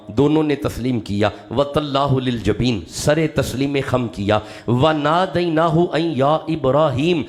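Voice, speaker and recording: A man preaching a sermon to a live audience, emphatic and repeating his key words. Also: medium pitch. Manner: emphatic, repeats key words, rises when urging the crowd. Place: gathering before a live audience.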